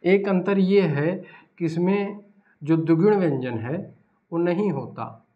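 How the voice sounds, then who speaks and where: Man, teacher, slow deliberate lecture, slightly high voice, dull lo-fi sound. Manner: slow, repeats questions and answers them himself. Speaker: Hindi teacher. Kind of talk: blackboard lecture. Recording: dull lo-fi recording.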